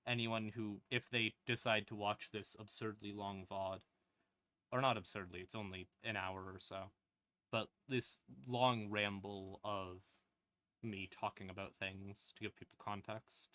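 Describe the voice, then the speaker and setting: A streamer hosts a casual lore Q&A livestream, his fairly low voice bright and forceful as he rambles informally with hesitant, trailing asides. Creepy ambient horror music plays behind him.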